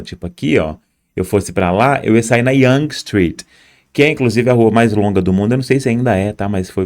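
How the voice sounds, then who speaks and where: A man's voice: fairly low pitch, a little mellow. A young man tells his own story as an immigrant, speaking straight to viewers and pointing at footage on screen. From Brazil. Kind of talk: personal storytelling.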